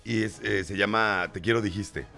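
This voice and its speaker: A man's voice: lowish voice, fairly even intonation, normal speed, gravelly, bright, forceful tone, faint music behind. A middle-aged Mexican man hosting a casual radio chat, joking and reading listener messages aloud. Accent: Mexican Spanish. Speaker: radio host.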